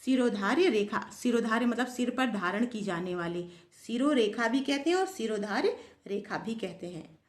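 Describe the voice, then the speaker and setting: Teacher quizzing and answering herself. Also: female voice, fairly high pitch, expressive, normal speed. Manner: asks a question, then answers it herself. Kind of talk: grammar lesson to pupils. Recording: echoey room.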